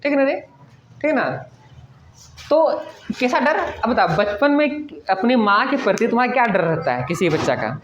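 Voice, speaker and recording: A woman's voice: a little high, very animated, normal speed. Woman, teacher, classroom explanation, keeps asking if the class follows, echoey room, muffled lo-fi sound. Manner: explanatory, keeps asking the class "okay?" and answering her own questions. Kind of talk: classroom lecture explaining a poem. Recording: echoey, dull lo-fi room recording with faint noise.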